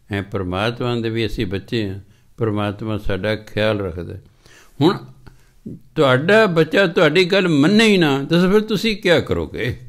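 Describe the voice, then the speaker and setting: A man with a Punjabi accent preaching a Sikh scripture sermon, chanting verses slowly and breaking into lively rhetorical questions and acted-out everyday dialogue. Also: medium pitch.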